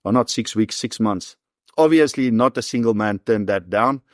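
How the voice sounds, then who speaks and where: The interview guest, a South African professional hunter and ex-soldier in his forties, spins stories in a laid-back, conversational style. His pitch is fairly low and his speed normal, with no echo in the studio-quality audio.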